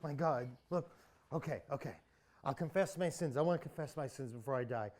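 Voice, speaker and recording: A man's voice: a little high, brisk, darkish tone, natural voice. A young man playing a cowardly, irresponsible slacker in a naturalistic comic drama, whiny and pleading as he babbles. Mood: terrified pleading.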